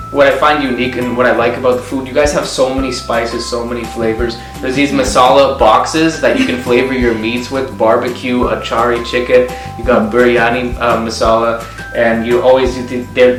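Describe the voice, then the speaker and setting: A native English-speaking man with a medium-pitched, fairly bright voice talks casually as co-host of a conversational vlog. The sound is echoey with a distant mic and background music.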